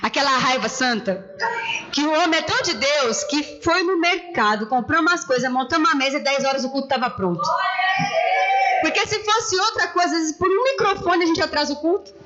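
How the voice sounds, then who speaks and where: High-voiced woman pastor preaching. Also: a little fast, lo-fi sound, heavy background noise. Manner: conversational, animated storytelling preaching. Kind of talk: sermon. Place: church.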